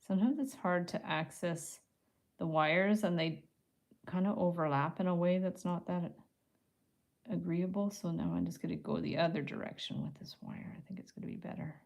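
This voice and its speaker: A Canadian woman talks her way through a live craft tutorial, thinking aloud as she works. Her voice is on the low side and creaky, with fairly even intonation at a normal speed. She's chatty but drops to a soft murmur or whisper when concentrating on her hands.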